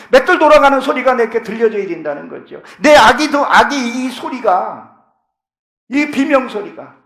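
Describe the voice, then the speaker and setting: In a church sanctuary, a middle-aged male pastor preaches a fervent sermon that rises to impassioned pleading during prayers. His voice sits high, creaky, with a fairly bright tone, and the hall's acoustics give the recording an echo.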